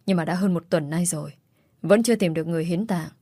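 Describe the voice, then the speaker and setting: A woman's voice: fairly low pitch, fast talker, mellow, no echo, studio quality. A woman voicing a young mother tearfully begging for her sick son's life. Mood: pleading. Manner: pleading, tearful.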